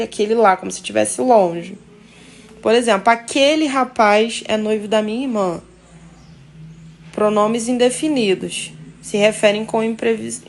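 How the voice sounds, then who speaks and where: A woman's voice: mid-range voice, gravelly, rough recording. A woman teacher with a Brazilian Portuguese accent, giving a recorded grammar lesson. She reads out rules and then explains them in her own words, often checking in with "tá?" and "né?".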